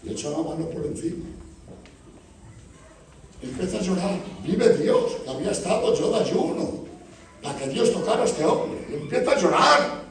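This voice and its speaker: This Spanish pastor's sermon is a string of stories in which he acts out dialogue with churchgoers, captured from afar in an echoing church hall. He speaks at normal speed on the high side, with lively intonation and long pauses.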